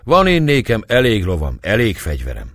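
A man's voice: fairly low pitch, huge pitch swings, fairly bright tone, no echo, clean studio sound, pitched above the performer's own voice, heavily acted. A man doing a jovial old nobleman. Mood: merry. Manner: cheerful, laughing.

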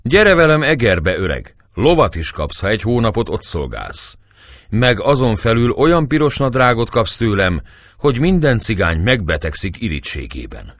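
A man's voice: fairly low pitch, sing-song, no echo, studio quality, pitched above the performer's own voice. A man doing a hot-tempered, commanding officer. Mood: jovial. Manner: loud, forceful, commanding.

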